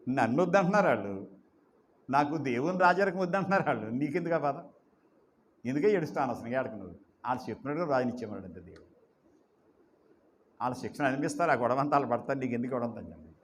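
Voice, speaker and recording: A man's voice: medium pitch, expressive, fast, pauses often, roomy sound, a little hiss or hum. A man preaching a sermon as pastor, emphatic, asking rhetorical questions and drawing out repeated phrases.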